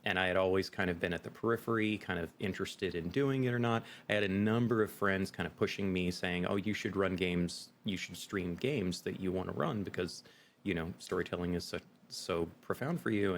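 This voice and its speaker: This middle-aged man from the United States speaks in a low voice with an American accent. He's a game master chatting casually as a guest on a podcast interview. Slight background noise is audible.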